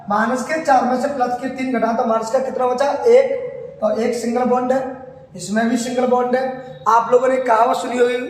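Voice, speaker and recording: A man with a very high voice lectures on chemistry, pulling students along with repeated questions and drawn-out words. His voice rings around a large, echoing room with a long tail of reverb. A faint hiss sits underneath. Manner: asks students questions and answers them himself. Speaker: chemistry teacher. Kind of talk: classroom lecture.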